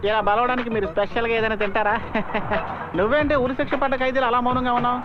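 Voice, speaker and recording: A cheeky joking sidekick. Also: male voice, very high-pitched, steady tone, rapid-fire, background noise. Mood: teasing. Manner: rambling, teasing, comic. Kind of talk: dubbed comedy film dialogue. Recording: muffled film audio with music.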